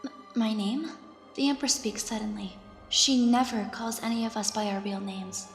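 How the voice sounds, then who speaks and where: A woman acts an anxious young female squire in an audio drama, narrating in a high voice and stammering deferentially. The sound is roomy and reverberant, with music underneath. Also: steady tone, moderate pace, lightly acted. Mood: flustered, anxious. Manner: hesitant, stammering when addressed. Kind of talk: scripted first-person dramatic narration.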